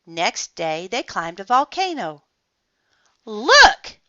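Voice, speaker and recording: A woman reading a bedtime picture book aloud, taking her time over every line with a very unhurried pace. Her bright voice swings up and down with plenty of expression. The recording is dry and slightly muffled. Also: on the low side, very animated, no room sound. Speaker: storyteller. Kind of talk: bedtime story read-aloud.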